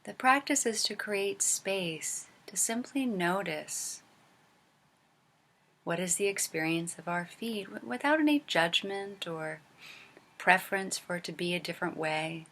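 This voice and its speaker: A woman with a voice on the low side leads a body scan meditation in the role of teacher. She speaks gently and without hurry, taking long pauses, her phrase endings soft and breathy.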